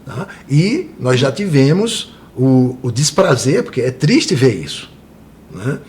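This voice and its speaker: A man's voice: medium pitch, big pitch swings, slow, a little mellow, a little hiss or hum. A man from Brazil, a tour guide, speaking earnestly as an interview guest and often adding tag questions.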